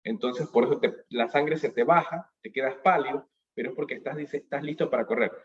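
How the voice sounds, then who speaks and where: A man giving a motivational lecture on emotions at a business school, animated, asking questions and answering them himself, heard through a webcam on a video call. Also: medium pitch, fairly quick, highs cut off. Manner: animated, asks and answers his own questions. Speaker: speaker at a business school talk.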